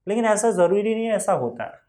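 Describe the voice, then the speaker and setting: A man's voice: high-pitched, lively intonation, quick pace, warm tone. Patient male teacher checking understanding. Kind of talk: whiteboard physics lesson.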